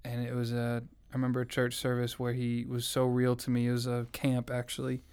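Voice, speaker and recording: Recounting his faith story as an interviewee, a young adult Southerner speaks earnestly, reflectively and conversationally. The voice is smooth and clear, the pitch kept fairly flat and even, and the pace brisk.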